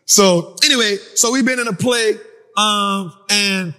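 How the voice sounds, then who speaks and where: A man hosting a finance talk for a live audience, in a casual, animated storytelling style that acts out other people. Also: sits high, unhurried, smooth, in a large hall. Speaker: finance speaker and host. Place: event venue with an audience.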